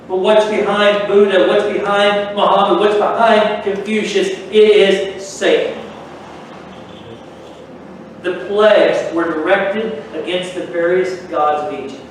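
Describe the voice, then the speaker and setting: A man's voice: high-pitched, a little hiss or hum. A man preaching a sermon with emphatic rhetorical questions, recorded from far off in an echoey room.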